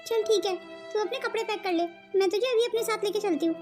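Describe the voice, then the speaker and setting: A woman doing a gentle cartoon young mother. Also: very high-pitched, quick pace, loud music behind the voice. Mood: tender. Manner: gentle, earnest. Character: loving worried young mother, pleading. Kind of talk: cartoon voice acting.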